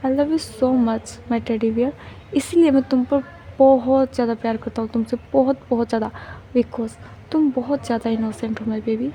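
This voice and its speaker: A woman voicing a tender young husband who speaks softly and affectionately in a storybook narration. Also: on the high side, fairly even intonation, normal speed, a little hiss or hum, natural voice. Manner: soft, hushed, affectionate. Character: tender devoted young husband, loving and teasing.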